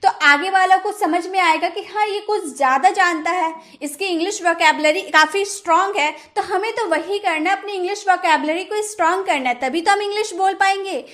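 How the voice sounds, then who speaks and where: A woman English teacher with an Indian accent giving a vocabulary lesson, repeating each word slowly and reading out example sentences. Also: very high voice, fairly bright tone.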